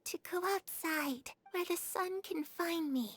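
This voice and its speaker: Eerie, high-voiced girl. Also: a little slow, fairly bright tone. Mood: eerie, wistful. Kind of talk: video game voice acting.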